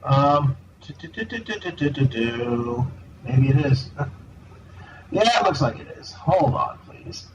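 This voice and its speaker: A man's voice: mid-range voice, sing-song, takes it slowly. A man chatting casually as a regular show guest, his voice echoing like in a cave because a built-in computer mic picks him up. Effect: cave-like echo from the wrong computer mic. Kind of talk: casual chat. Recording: dull hollow computer-mic sound, faint hiss.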